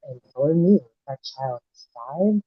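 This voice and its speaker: A woman's voice: low voice, lively intonation, measured pace, no echo. A woman chatting bluntly on a call, her voice muffled and distant as if heard through a wall. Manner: blunt, swears casually. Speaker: livestream co-host. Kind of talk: casual group chat on a call. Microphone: Bluetooth earpiece on a call. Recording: dull, dry call audio.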